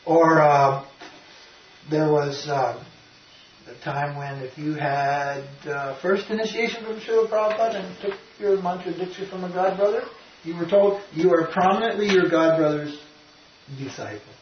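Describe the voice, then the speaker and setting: Older spiritual teacher in a roomy hall. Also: male voice, fairly high pitch, fairly even intonation, unhurried. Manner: rambling and emphatic, with frequent restarts. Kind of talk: informal devotional talk. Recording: roomy, distant, dull lo-fi sound with faint noise.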